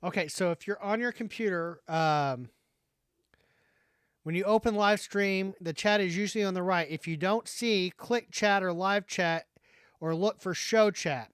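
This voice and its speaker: A man's voice: sits high, a little slow, fairly bright tone, clear, resonant tone, dry recording, clean studio sound. A man hosting a casual livestream chat, thinking aloud in a hesitant way. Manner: hesitant, thinking aloud while figuring things out. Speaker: livestream host.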